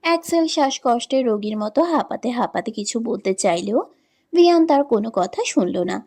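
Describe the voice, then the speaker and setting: A woman reading a romance story in scripted narration, with steady, even storytelling. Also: fairly high pitch, fairly quick.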